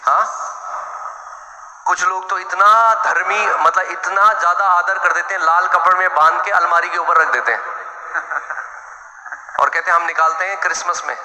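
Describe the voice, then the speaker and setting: A man's voice: high-pitched, fairly even intonation, measured pace, pauses often, bright, forceful tone. A man preaching a sermon as pastor, blunt and direct, calling out questions to the congregation. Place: church hall. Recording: echoey hall, long reverb.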